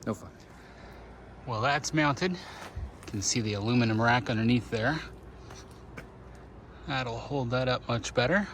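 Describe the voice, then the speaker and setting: A man's voice: mid-range voice, a little slow, long pauses, a bit bright, a little hiss or hum. A man talking in a casual, informal vlog style, thinking aloud as he narrates his chores. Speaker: RV living vlogger. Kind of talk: casual first-person vlog chat while doing chores.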